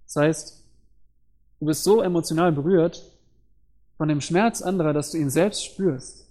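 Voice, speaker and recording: A man delivers a sermon in an earnest teaching tone, explaining scripture and asking rhetorical questions. His voice sits a little high for a man. Its tone is mellow and dark rather than bright. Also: measured pace. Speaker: preacher.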